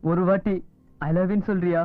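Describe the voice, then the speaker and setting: Film role for an actor: obsessive young lover, high-pitched, phone-thin audio. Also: male voice, level tone, normal speed, no room sound, narrow, tinny audio, faint music behind, close to an everyday voice. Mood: pleading. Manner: pleading, devoted. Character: young man obsessively in love, pleading. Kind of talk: film dialogue.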